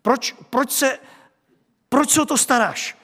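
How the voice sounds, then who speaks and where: A man's voice: very high voice, bright, forceful tone, in a large hall, pitched above the performer's own voice, full character voice. A preacher voicing a whiny, aggrieved man who complains about being disturbed, protesting again and again. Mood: whiny indignant.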